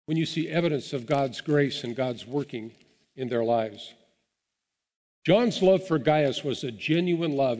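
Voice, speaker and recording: A pastor preaching with an earnest, encouraging manner, sometimes restarting a phrase mid-thought. His voice sits a little high for a man. The sound carries a long reverb from the church sanctuary around him. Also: a little mellow. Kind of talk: sermon.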